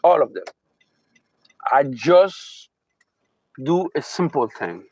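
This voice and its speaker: With a slightly high, sing-song voice that is a little mellow and slightly rough, a Haitian motivational speaker talks in his Haitian accent. He repeats key phrases emphatically and draws out stresses slowly. The recording has its highs cut off.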